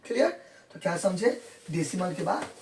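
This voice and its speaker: A teacher working through a maths lesson, repeating every step and pausing to ask whether the class has understood. The voice sits at a middle pitch and comes from some distance from the mic in an echoey room. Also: animated, darkish tone, slight background noise. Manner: repeats each step and checks in with students; counts numbers out in English within Hindi talk.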